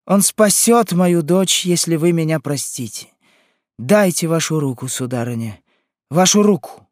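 A man's voice: a little high, expressive, slow, husky, no echo, studio quality, exaggerated voice. A man reading an audiobook, voicing a frantic grieving old mother who shrieks and accuses. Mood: desperate. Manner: shrieking, accusing, sobbing outbursts. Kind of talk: audiobook character voice.

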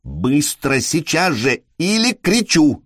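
A man reading an audiobook voicing a young woman who screams insistent demands for money in a high, shrill voice. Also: sing-song, takes it slowly, fairly bright tone, husky, dry recording, clean studio sound, full character voice. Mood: threatening.

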